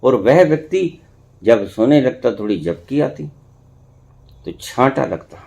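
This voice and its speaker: A male spiritual teacher speaks slowly and deliberately to his followers. His pitch rises and falls widely, dropping to a hush and then lifting into emphatic lines, and he repeats phrases for effect. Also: big pitch swings, vocal fry. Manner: slow, swings between hushed and emphatic, repeats phrases for effect. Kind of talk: discourse to followers.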